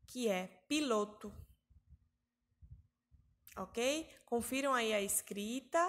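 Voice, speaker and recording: A woman from Brazil with a Northeastern Brazilian accent, teaching an online English lesson to young children and drawing out each word in slow repetition drills. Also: mid-range voice. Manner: slow, drawn-out pronunciation drills with exaggerated intonation.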